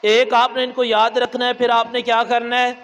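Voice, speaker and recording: A Pakistani man addresses schoolchildren at an outdoor assembly in a high voice. He coaxes them, asks them questions and ends in prayer. The PA sound echoes long and comes from some distance, with faint ambience behind. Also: completely flat delivery, fairly bright tone, a little hiss or hum. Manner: coaxing, quizzes children, calls them "son". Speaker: guest religious lecturer at a school. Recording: echoey PA sound, heard from far off.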